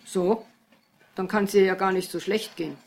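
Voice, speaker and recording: A woman reading aloud and voicing a gruff, domineering heavyset father who scolds loudly. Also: mid-range voice, steady tone, normal speed, a little hiss or hum, close to an everyday voice. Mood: grudging. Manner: loud, scolding and bossy.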